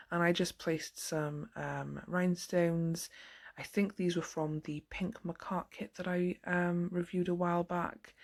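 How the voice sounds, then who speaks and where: A woman chatting casually through a nail tutorial, giggling often and filling pauses with ums and likes. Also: on the low side, vocal fry. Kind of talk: casual tutorial chat to viewers. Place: home.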